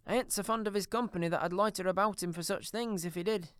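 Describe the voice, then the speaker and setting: A brazen, scheming old charwoman voiced by a man shrills and cackles through her defiant lines, pitched far above a natural speaking voice. The sound is close and dry, as in an audiobook booth. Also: fast, clean tone, no room sound, close to an everyday voice. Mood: mocking. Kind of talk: audiobook character reading.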